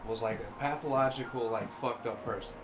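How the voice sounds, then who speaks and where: A man's voice: medium pitch, fairly even intonation, fairly quick, echoey room, noisy background. A man co-hosting a podcast, casually telling rambling, crude workplace stories. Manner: rambling crude anecdotes, acts out quoted voices. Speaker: podcast co-host. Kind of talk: casual storytelling chat.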